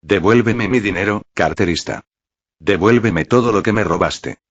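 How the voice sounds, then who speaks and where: A man's voice: lowish voice, moderate pace, slightly rough, no echo, lo-fi sound. A man reading the part of a brusque, confused man who barks out his words. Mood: angry. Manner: abrupt.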